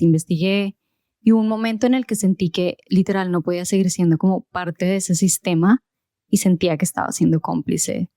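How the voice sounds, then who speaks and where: A Colombian woman, a podcast host and health coach, tells her personal story on her own podcast in an earnest, conversational way with small fillers. Her voice is on the low side, a little mellow and clean in tone. The recording is studio quality, with no room sound.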